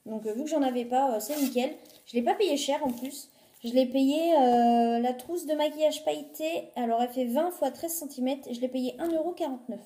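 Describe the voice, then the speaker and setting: Woman doing a casual haul vlog on her phone, lots of euh, high voice, echoey room. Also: normal speed, mellow. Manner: chatty, many fillers, lists prices. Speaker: vlogger showing a shopping haul.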